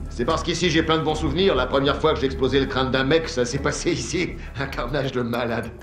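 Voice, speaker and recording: An actor dubbing a violent thug with a bat who talks casually and crudely. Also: male voice, mid-range voice, fairly quick, echoey room, music in the background, natural voice. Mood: menacing. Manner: casual then crude and threatening.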